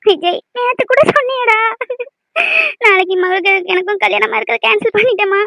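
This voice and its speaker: A woman's voice: very high voice, fairly quick, pushed and bright, dry recording. A woman voicing a sobbing cartoon mother. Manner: sobbing, pleading, then soothing. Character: grief-stricken mother at her injured son's bedside. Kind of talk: cartoon voice acting.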